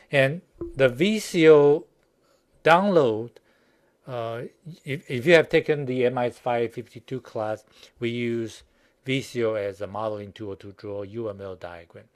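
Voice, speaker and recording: A man teaching a recorded university lecture, speaking haltingly with many fillers and restarts and a Chinese accent. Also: fairly low pitch. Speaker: university professor.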